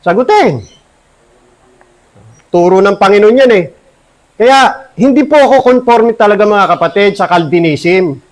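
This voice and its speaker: A man with a Filipino accent, a pastor preaching an earnest, emphatic sermon in church and slowing down to read scripture. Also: high-pitched, expressive, rough recording. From Philippines. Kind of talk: Taglish sermon with Bible reading.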